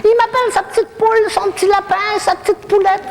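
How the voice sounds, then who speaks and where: A woman's voice: very high-pitched, steady tone, fairly quick, in a large hall, slight background noise. A woman with a Québécois accent playing a cheeky, bawdy old woman in a retirement home, in a stand-up comedy character monologue full of saucy, gossipy, self-mocking jokes. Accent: Québécois French.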